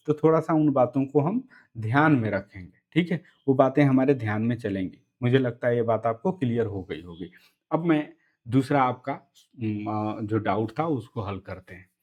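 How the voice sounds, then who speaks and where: A man's voice: mid-range voice, muffled recording. A man teaching an English class online, explaining step by step, repeating key words and checking in often with listeners.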